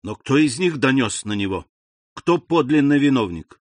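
A man voicing a stern, secretive man posing as a priest, who speaks in low, probing tones in an audiobook. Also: lively intonation, moderate pace, dry recording, close to an everyday voice. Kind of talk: audiobook character voice.

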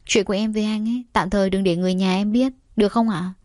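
A composed, resolute young woman talks in a level, direct way in a storybook reading, as the woman narrating puts her on. The voice is dry and close, with no room around it, and the pitch sits in a middle register. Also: fast talker, dry recording, lightly acted. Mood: gentle. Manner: calm and direct.

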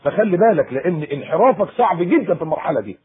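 A man preaching to teenagers in Egyptian Arabic, in a colloquial, animated sermon with acted-out asides. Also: high voice, racing, slightly rough. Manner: animated, acts out a teen and mother in quoted asides. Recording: tinny lo-fi phone-like tape.

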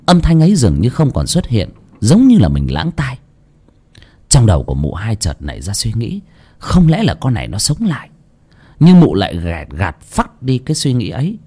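A man's voice: mid-range voice, wildly swooping pitch, moderate pace, dark tone, breathy edge. A man narrating a village ghost story in a dramatic, suspenseful way.

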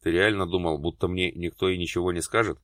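A man's voice: sits low, fairly even intonation, fast talker, fairly bright tone, no room sound, studio quality. A male narrator voicing a cold, domineering man who speaks in curt commands. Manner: terse, commanding.

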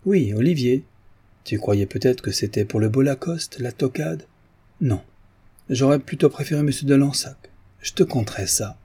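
A man's voice: mid-range voice, expressive, moderate pace, warm tone, breathy edge, pitched above the performer's own voice. A man voicing a playful, chatty young woman. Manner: teasing, flighty chatter.

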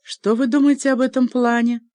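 A woman's voice: fairly high pitch, fairly even intonation, a little fast, darkish tone, dry recording, pitched above the performer's own voice, close to an everyday voice. A woman voicing an anxious but stubborn young noblewoman in an audiobook. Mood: nervous.

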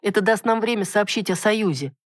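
A woman's voice: medium pitch, expressive, fairly quick, no room sound, studio quality, pitched above the performer's own voice, natural voice. A reader voicing a firm, earnest young noble lady in an audiobook. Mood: persuasive.

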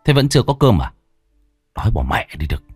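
A man's voice: on the low side, sing-song, fast, a little mellow, breathy edge, dry recording, clean studio sound, soft background music, heavily acted. A man voicing a lazy, gambling elder son who talks in a rude, offhand way. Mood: gruff. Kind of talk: storytelling.

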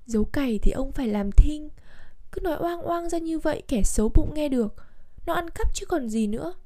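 Storybook old wife, sharp and chiding, higher voice read by a woman. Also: animated, a little fast. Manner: chiding, emphatic. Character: scolding practical old farmer's wife.

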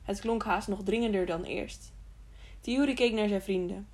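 A woman narrates an audiobook of a children's novel. Her reading is steady and plain, with occasional slips and restarts. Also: medium pitch, moderate pace.

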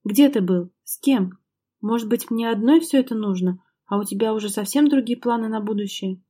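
Reading an audiobook, a woman voices a jealous young wife who heatedly snaps accusations at her husband, her raised voice climbing and sharpening in reproach. Slightly high and breathy at a moderate pace, her tone still stays mellow and warm even at full volume, and the mood is accusing.

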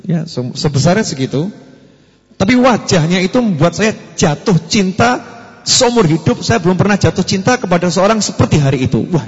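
A man, preaching at an Islamic study gathering in lively storytelling style, acting out the voices of the people in his stories. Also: a little high. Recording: echoey hall, muffled sound.

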